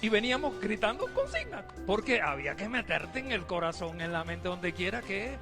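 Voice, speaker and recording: A man's voice: high-pitched, big pitch swings, moderate pace. A man giving an emotional personal testimony, his voice swelling and dropping as he remembers. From Cuba. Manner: emotional storytelling, voice swells and drops. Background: loud music.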